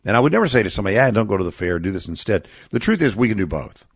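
A middle-aged man from Texas speaks as a guest on a radio interview in an earnest, reflective manner. His voice sits low and carries a gravelly edge. The studio sound is dry and close. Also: very animated, rapid-fire, dry recording. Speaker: charity representative guest.

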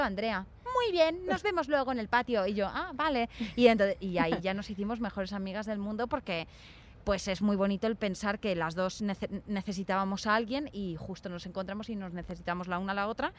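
A woman's voice: medium pitch, fairly quick. A young woman from Spain chatting casually and telling stories, acting out the voices of people she quotes. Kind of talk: casual chat.

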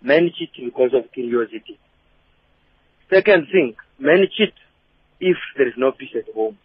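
A man's voice: medium pitch, animated, a little slow, slightly rough. A man from Congo with a Congolese accent, calling a radio phone-in and explaining his opinion insistently, often checking that he is understood. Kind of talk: emphatic opinion on a call-in show. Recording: dull lo-fi phone call on radio.

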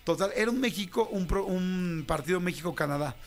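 With a high-pitched, slightly fast voice and some vocal fry, a Mexican man in his fifties who hosts radio spins a casual, slangy tale of his first job in Mexican Spanish. He tells it animatedly, performing the voices of the people involved.

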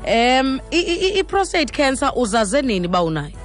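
A man's voice: very high voice, very animated, fairly quick, fairly bright tone, soft background music. A man with a South African Xhosa accent, presenting and interviewing as a radio host.

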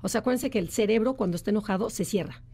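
A woman's voice: mid-range voice, racing, dark tone, slightly rough. A woman explaining personality types on a radio talk show, acting out quoted voices with frequent restarts. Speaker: enneagram expert guest.

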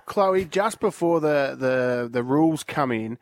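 A man's voice: medium pitch, lively intonation, unhurried, dry recording, studio quality. A man co-hosting a casual entertainment interview, asking chatty questions. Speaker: co-host interviewer.

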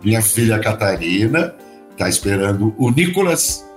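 Low-voiced older man telling stories. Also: big pitch swings, normal speed, reverberant, faint music behind. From Brazil. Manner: warm storytelling, acts out quoted voices. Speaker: actor, podcast guest. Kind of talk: casual interview chat.

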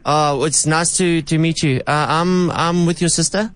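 A man's voice: on the high side, steady tone, moderate pace, fairly bright tone, clean tone, close to an everyday voice. A man playing a cocky, over-familiar young boyfriend on a prank call, rambling hesitantly and casually. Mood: bashful, earnest.

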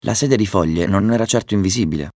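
A man reading a children's story aloud, narrating with a lively delivery and excited voices for the dialogue. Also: on the low side, quick pace, no room sound, clean studio sound.

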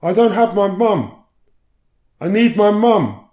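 A man voicing a small, distressed woman who shouts and pleads in desperation. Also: high voice, expressive, slow, reverberant, pitched above the performer's own voice. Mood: pleading, despairing. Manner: shouting, pleading, childlike whimper.

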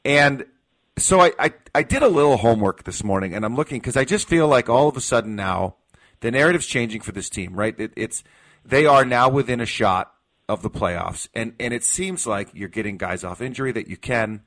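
With a somewhat bright, medium-pitched voice, this American man hosts a sports talk show and argues his points hard, repeating key phrases to drive them home. His delivery is expressive and fairly quick, in the style of an opinionated radio host.

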